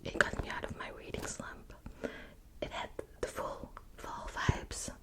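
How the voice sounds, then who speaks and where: Soft, hesitant whispering comes from a young Belgian woman with a Dutch accent who runs an ASMR channel about books. Her pace is measured, and she uses many small fillers.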